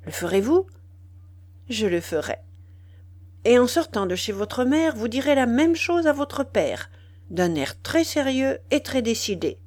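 Slow, measured woman reading aloud. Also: a little high, big pitch swings. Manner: slow, measured reading with softly acted dialogue. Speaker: audiobook reader. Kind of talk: scripted narration of a classic novel.

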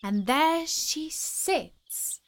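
A woman's voice: fairly high pitch, very animated, a little slow, heavy background noise, voice pushed up. A woman doing an eager little kitchen girl. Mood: excited.

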